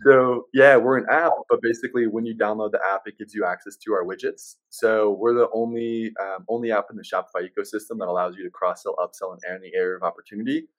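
A man's voice: lowish voice, steady tone, fast talker, hardly any pauses, rough recording. A man speaking casually as an interview guest, explaining things in an easygoing salesman manner. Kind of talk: casual chat.

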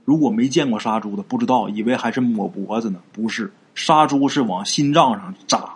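A man's voice: medium pitch, fairly quick, breathy edge. A man telling a folk ghost story in a chatty, conversational way, with asides to his online listeners.

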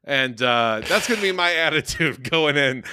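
A man's voice: on the high side, lively intonation, normal speed, sharp tone, clean tone. A man in casual podcast chat, sardonic and profane, often laughing mid-sentence while reacting to trailers. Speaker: podcast co-host.

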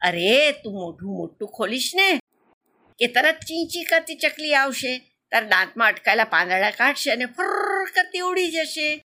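A woman's voice: high-pitched, sing-song, moderate pace, pushed and bright, voice pushed up, full character voice. A woman voicing a mother crocodile in a storybook who scolds and teases her cub. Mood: teasing. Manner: scolding, then teasing. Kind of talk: storybook narration.

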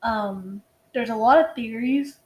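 A woman's voice: on the high side, measured pace, a little mellow, dull audio. A tired young woman co-hosting a casual true-crime podcast, rambling, swearing and restarting her sentences. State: tired, yawning. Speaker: podcast co-host.

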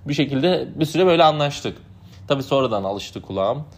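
A man's voice: medium pitch, lively intonation, brisk. A young man, a native Turkish speaker, casually recounting his summer as a camp counselor in a rambling, chatty way full of fillers. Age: young adult. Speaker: podcast host. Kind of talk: casual storytelling.

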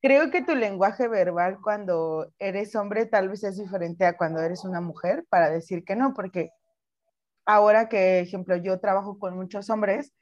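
A young woman with a Mexican Spanish accent, co-hosting a casual podcast chat and telling animated stories with acted-out quotes. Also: mid-range voice, moderate pace, dull audio. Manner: animated storytelling, acts out quotes. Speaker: podcast co-host.

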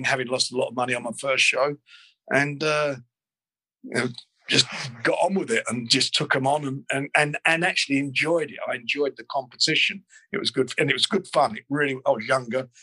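Older man, husky and close-miked, rambling guest recalling the past. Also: medium pitch, bright, forceful tone, no echo, low-quality recording. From London. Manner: rambling, frequent restarts and fillers. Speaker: boxing promoter. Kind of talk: interview, reminiscing.

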